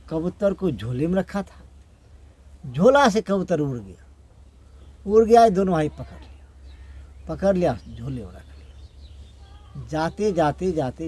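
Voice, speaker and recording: A man narrating a folk tale aloud, with repetitive, drawn-out phrasing. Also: high-pitched, a little mellow. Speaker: storyteller.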